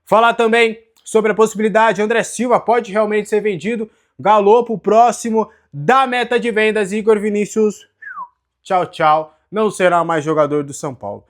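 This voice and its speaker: A Brazilian man presents football news as a journalist hosting his own channel. His pitch is high for a male voice, and his delivery is conversational commentary with a Brazilian Portuguese accent. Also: moderate pace. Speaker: sports journalist and channel host.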